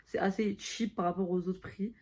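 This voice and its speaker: A woman's voice: medium pitch, fairly even intonation, normal speed, a little mellow. A woman in her early twenties chatting casually to camera, tired and mixing English phrases into her talk. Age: early 20s. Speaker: vlogger.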